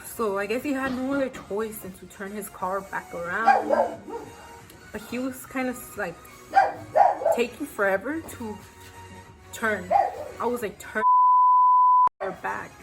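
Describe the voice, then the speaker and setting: A woman's voice: medium pitch, a little slow, long pauses, poor audio. A young woman telling a personal story on her channel in a casual, slangy way, with many fillers. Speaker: YouTuber. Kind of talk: storytime vlog. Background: background music.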